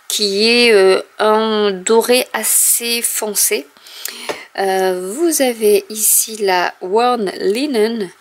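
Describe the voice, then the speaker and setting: A woman with a gravelly, creaky edge to her mid-pitched voice talks through her new craft supplies. She explains at an easygoing pace, filling pauses with hesitant sounds, like a home vlogger sharing a parcel haul. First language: French. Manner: chatty, explanatory, many fillers. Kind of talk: casual product haul.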